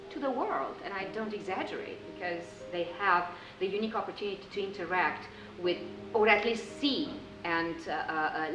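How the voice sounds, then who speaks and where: A woman giving considered remarks in an interview. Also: on the low side. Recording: echoey room with music.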